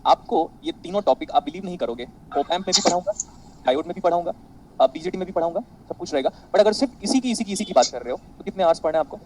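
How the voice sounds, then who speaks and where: A man teaching an online physics class, animated and boastful, quizzing his students constantly. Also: sits high, quick pace, slight background noise, rough recording.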